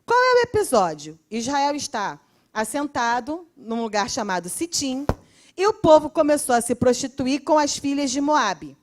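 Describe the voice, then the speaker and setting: A woman with a Brazilian Portuguese accent teaching a Bible class in a lively, expressive way, acting out quotes and laughing often. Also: sits high, moderate pace. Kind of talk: animated Bible class lesson.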